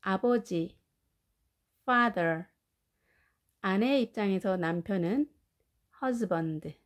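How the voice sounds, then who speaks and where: A woman with Korean as her first language, teaching English family words and slowly drilling their pronunciation. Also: medium pitch, expressive. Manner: slow, careful pronunciation drills. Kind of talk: vocabulary lesson.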